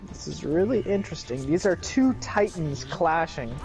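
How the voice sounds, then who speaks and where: Excitable male esports caster over game music. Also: on the high side, normal speed, vocal fry. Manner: excitable play-by-play with joking asides. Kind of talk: live play-by-play commentary.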